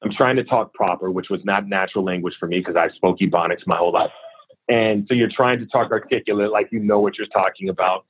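Interview guest, male, 40s, lively storyteller, low voice, phone-quality line. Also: fast, husky. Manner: animated, acts out quoted voices. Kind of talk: casual storytelling. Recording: thin phone-like audio.

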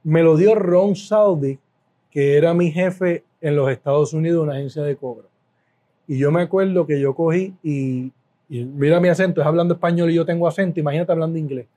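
A middle-aged Puerto Rican man speaks as an interview guest, a little high in pitch but soft and mellow in tone. He tells stories with animation, stacking repeated words for emphasis and laughing now and then. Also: brisk. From Puerto Rico. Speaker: guest, food business owner. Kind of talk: casual interview storytelling.

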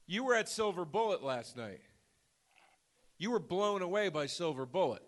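A man's voice: high-pitched, big pitch swings, normal speed. A man hosting a live podcast in front of a theater audience, telling jokey stories and hyping the crowd. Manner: jokey, storytelling, hypes the crowd. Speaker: podcast host at live screening.

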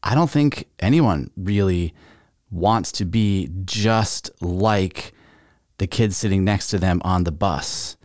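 A man's voice: deep voice, slow pace, a little mellow, no echo, clean studio sound. A man hosting his own podcast, talking casually and putting rhetorical questions to his listeners. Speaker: podcast host. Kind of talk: casual solo podcast talk.

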